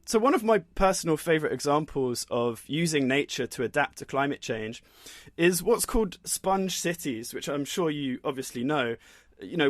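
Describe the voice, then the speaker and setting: A man's voice: a little high, no room sound, clean studio sound. A man co-hosting a podcast, asking curious conversational questions. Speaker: podcast co-host. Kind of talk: podcast interview.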